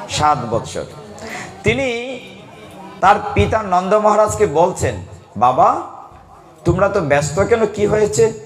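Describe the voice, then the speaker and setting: A man preaching a devotional sermon to a gathering, asking the audience questions and calling for responses. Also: sits high. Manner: animated, asks the audience questions and calls for responses. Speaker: kirtan preacher.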